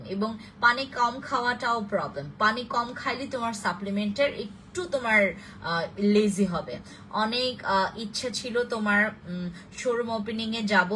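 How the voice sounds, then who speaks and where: A woman's voice: medium pitch, pushed and bright, slight background noise, low-quality recording. Chatty Bangladeshi woman hosting a live stream. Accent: Bangladeshi Bengali. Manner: chatty, rambling, many fillers and restarts. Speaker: live-stream host for a skin-care brand. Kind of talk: casual live-stream chat answering viewer comments.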